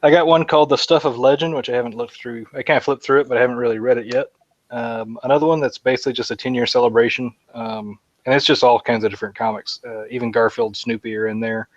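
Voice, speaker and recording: A man's voice: mid-range voice, steady tone, fast, dry recording, highs cut off. A man co-hosting a podcast, chatting casually and rambling with lots of fillers. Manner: rambling, enthusiastic fan talk with many fillers. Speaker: podcast co-host. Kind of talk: casual chat.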